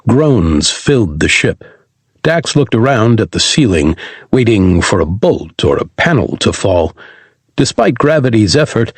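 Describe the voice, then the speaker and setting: A man reading a sci-fi audiobook aloud in an animated, dramatic way. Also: on the low side, husky, no echo. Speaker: audiobook narrator. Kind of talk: scripted audiobook narration.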